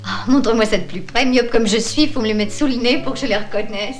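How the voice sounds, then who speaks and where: A woman's voice: fairly high pitch, fast talker, natural voice. An actress playing a small, short-sighted, mercenary female informant in a dubbed film drama, with a teasing, theatrical manner. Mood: curious. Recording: music behind the voice.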